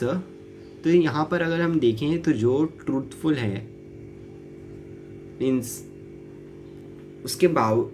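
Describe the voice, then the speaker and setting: A man's voice: mid-range voice, a little mellow, slight background noise. A man teaching an English novel, reading lines aloud and explaining them word by word in mixed Hindi and English. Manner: reads each English line slowly, then explains it in mixed Hindi and English. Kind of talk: explaining a novel passage line by line.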